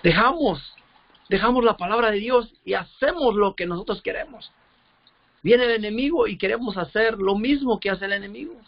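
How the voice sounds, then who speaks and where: A man preaching a sermon with fervor, reading scripture slowly and often repeating words as he searches for them. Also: high-pitched, gravelly, dull audio. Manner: reads scripture slowly, drawn out.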